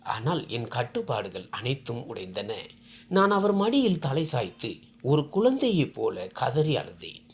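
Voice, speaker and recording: Expressive woman telling an emotional story. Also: rumbling low, measured pace. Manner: expressive, heartfelt. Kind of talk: emotional first-person story narration.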